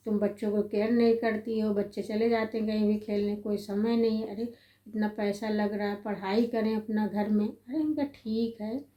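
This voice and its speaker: A woman's voice: medium pitch, warm tone. A middle-aged woman telling a family story as a mother, rambling and conversational, acting out the lines she quotes. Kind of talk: casual spoken storytelling. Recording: echoey room.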